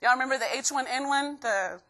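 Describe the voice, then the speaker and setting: A young woman from Guatemala giving an energetic live motivational talk to students, constantly asking the crowd questions. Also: sits high, a little fast. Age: young adult. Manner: energetic, keeps quizzing the crowd. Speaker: motivational speaker.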